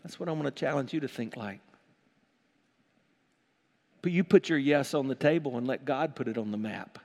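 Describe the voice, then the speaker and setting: A middle-aged pastor preaching a sermon in a church, his voice swelling from quiet to loud. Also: mid-range voice, normal speed. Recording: long hall reverb.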